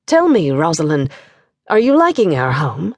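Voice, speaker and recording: A woman voicing a wealthy gentleman who speaks in a silky, sly, taunting way. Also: mid-range voice, big pitch swings, normal speed, no room sound. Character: silky, malicious wealthy gentleman, master of house.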